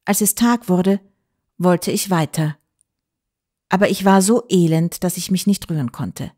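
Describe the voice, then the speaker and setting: A woman's voice: on the low side, unhurried, mellow. Woman reading an audiobook. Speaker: audiobook reader. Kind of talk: scripted audiobook narration.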